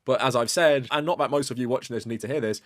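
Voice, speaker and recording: A man narrating a commentary video in a steady, explanatory way. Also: mid-range voice, quick pace, no room sound, studio quality. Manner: steady, explanatory, many "like" fillers. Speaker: video essay creator.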